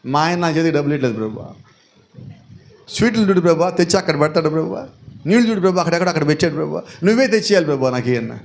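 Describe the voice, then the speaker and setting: A man's voice: fairly high pitch, animated, rapid-fire, gravelly. A man preacher mimicking a woman who prays in a whiny, pleading way, calling on the Lord after every phrase.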